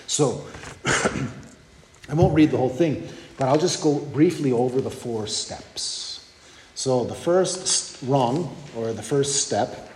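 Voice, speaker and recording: A man's voice: mid-range voice, darkish tone, a little hiss or hum. A man giving a sermon in a conversational teaching manner, often checking in with his listeners. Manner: conversational teaching with frequent "okay?" and "you know". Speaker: preacher. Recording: echoey hall with long reverb.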